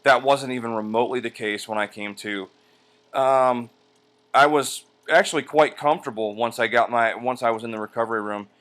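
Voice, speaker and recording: A man talking casually in a personal vlog, halting with drawn-out hesitations, sore and medicated as he rests after surgery. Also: mid-range voice, a bit bright. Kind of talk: casual personal vlog, recounting his experience. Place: indoors at home on a couch by a window.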